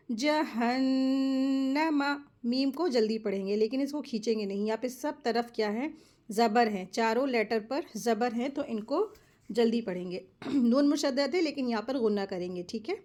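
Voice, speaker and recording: A woman teaches Quran recitation step by step, explaining each rule quickly and then reciting words slowly as examples. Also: a little high, a little mellow. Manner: slow, drawn-out model recitations between quick explanations. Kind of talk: step-by-step tajweed lesson.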